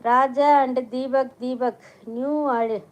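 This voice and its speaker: A middle-aged woman hosting a casual live stream, chatting warmly with viewers, reading out their comments and mixing in English words. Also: high-pitched, steady tone, slow pace, poor audio.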